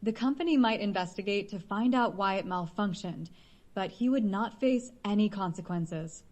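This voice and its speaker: Steady woman audiobook narrator. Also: mid-range voice, normal speed.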